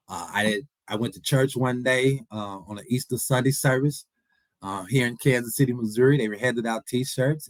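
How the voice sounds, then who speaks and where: A man's voice: medium pitch, fairly bright tone, no echo, poor audio. A man in his forties giving an earnest motivational speech, repeating his points and imploring the audience. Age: 40s. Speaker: motivational speaker. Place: event hall.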